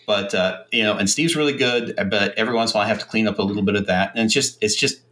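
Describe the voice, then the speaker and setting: A man's voice: fairly low pitch, rapid-fire, sharp tone. A man talking as a podcast guest in casual chat, rambling with many fillers.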